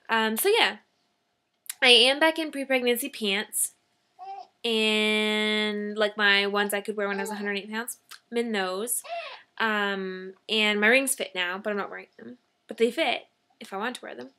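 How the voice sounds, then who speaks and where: A woman's voice: mid-range voice, sharp tone. A young Canadian woman chatting casually in a home vlog, full of fillers and self-deprecating jokes. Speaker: vlogger.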